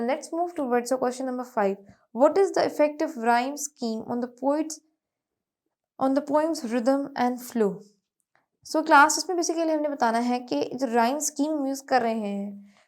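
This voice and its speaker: A woman teacher giving a classroom lecture. She reads answers slowly and explains them quickly, often addressing the class. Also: fairly high pitch, darkish tone.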